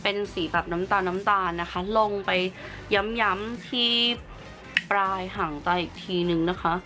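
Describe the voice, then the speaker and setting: A woman's voice: medium pitch, a little slow, bright, forceful tone, soft background music. A woman beauty vlogger giving a chatty, upbeat makeup review and explaining each step as she works. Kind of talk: casual makeup tutorial and product review.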